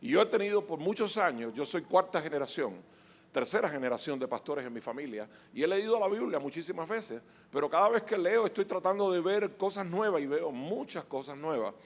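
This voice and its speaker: A male pastor preaching a sermon, moving between quiet scripture reading and shouted exhortation. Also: a little high, animated, brisk. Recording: echoey hall.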